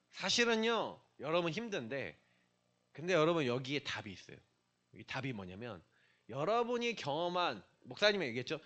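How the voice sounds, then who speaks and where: Middle-aged man, pastor at a church, conversational youth sermon; pitched high, very expressive. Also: dull audio. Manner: conversational, questions the listeners directly. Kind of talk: sermon to young people.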